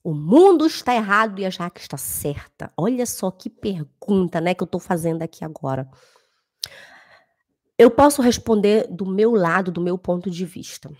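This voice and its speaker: A woman's voice: mid-range voice, lively intonation, normal speed, darkish tone. A woman, a German teacher talking casually to camera, emphatic and repeating phrases for stress.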